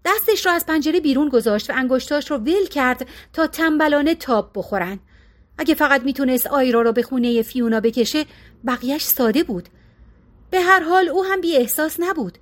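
A woman reading a novel as an audiobook narrator, in a steady, measured manner. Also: high voice. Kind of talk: scripted narration.

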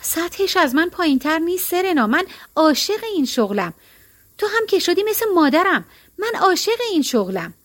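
A woman's voice: very high voice, very animated, a bit bright, pitched above the performer's own voice, exaggerated voice. A woman voicing a worried, wistful middle-aged woman in a storybook reading, earnest and plaintive.

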